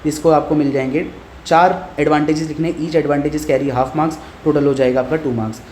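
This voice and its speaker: A man's voice: fairly high pitch, fairly even intonation, darkish tone. Man teaching in a roomy, echoey space. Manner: reads questions out slowly, then explains marking step by step; mixes Hindi and English, addresses students familiarly. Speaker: physics teacher. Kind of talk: exam paper walkthrough lesson. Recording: roomy echo, faint background noise.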